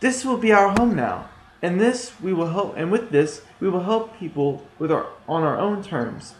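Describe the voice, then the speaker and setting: Two kind, selfless children, as a storyteller voices them speak in an earnest, raised voice. There is echo in the room. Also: male voice, high voice, very animated, normal speed, slight background noise. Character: kind, selfless young brother and sister. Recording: echoey room.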